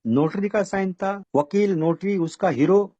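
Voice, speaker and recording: Man, rambling testimony, slightly high mellow voice, dull dry lo-fi online audio. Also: measured pace, no echo. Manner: rambling storytelling, repeats "bola" and "doston". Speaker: AA member sharing his story. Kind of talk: personal recovery testimony.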